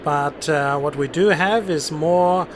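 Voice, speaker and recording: A man with a fairly high-pitched voice hosts a live game stream. He talks casually as commentator and air traffic controller. Faint noise sits behind his voice. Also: takes it slowly.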